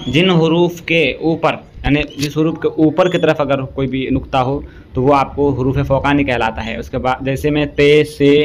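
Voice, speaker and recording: A male teacher giving an exam-prep grammar lesson. He recites long lists item by item at an even pace and keeps checking in with a quick "okay". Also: a little high, a little hiss or hum.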